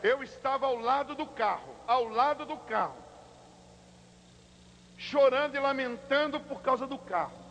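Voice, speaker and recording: A man's voice: very high-pitched, unhurried, pauses often, fairly bright tone. A Brazilian man preaching a sermon, telling a story with drama and acting out the voices of the people in it. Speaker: pastor. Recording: long hall reverb, faint hum.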